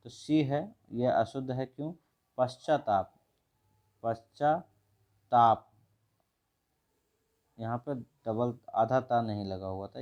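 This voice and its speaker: A man, teaching a brisk exam revision lesson and going through questions one by one. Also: medium pitch, dark tone. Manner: brisk, repeats each word and asks the viewer. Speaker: Hindi teacher.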